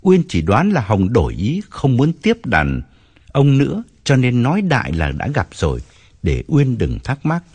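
A man narrating an audiobook story with expressive storytelling. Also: medium pitch, unhurried, husky.

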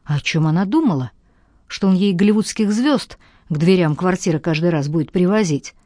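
A woman narrating an audiobook in a measured, even storytelling manner. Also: fairly low pitch, no room sound, clean studio sound. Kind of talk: scripted narration.

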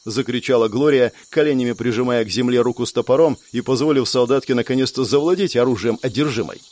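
A man narrating an audiobook in expressive storytelling style. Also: mid-range voice, fast talker.

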